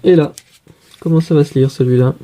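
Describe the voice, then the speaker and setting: A man teaching young children to read, explaining each card slowly and patiently and asking questions as he goes. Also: a little high, fairly even intonation, mellow, slight background noise. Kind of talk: reading lesson for young children.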